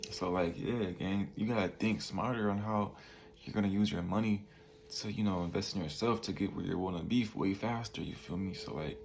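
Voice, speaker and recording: A man's voice: fairly low pitch, creaky, a little hiss or hum. A man in his twenties giving a casual motivational monologue to the camera, laid back and full of slang, tagging lines with "bro" and "you feel me". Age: 20s. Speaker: vlogger.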